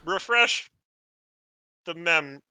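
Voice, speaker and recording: A man playing a character in a tabletop game, talking in a halting, hesitant way. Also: on the high side, expressive, pushed and bright, clear, resonant tone. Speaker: player.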